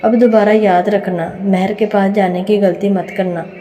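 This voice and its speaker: A proud courtesan madam lays down the law with firm restraint, read by a woman storyteller. Her voice is dark and flat in pitch. The room adds a long echo. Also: moderate pace, lightly acted. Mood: stern. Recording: reverberant room.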